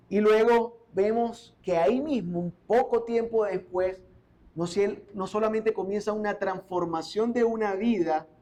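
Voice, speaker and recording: A man with an unusually high voice preaches a sermon as pastor. He reads scripture aloud passage by passage and explains each part, asking his listeners rhetorical questions as he goes. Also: darkish tone, rough recording.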